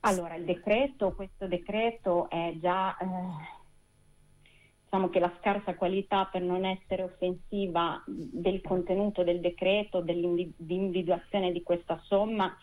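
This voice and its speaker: A woman lawyer, a guest on a radio interview, talking over a tinny phone line in measured, precise legal phrasing. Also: lowish voice, steady tone. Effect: speaking over a phone line.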